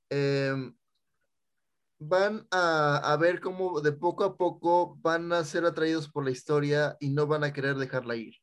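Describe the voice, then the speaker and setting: A man, co-hosting a casual chat, laid-back and quick to laugh. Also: fairly high pitch. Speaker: podcast co-host.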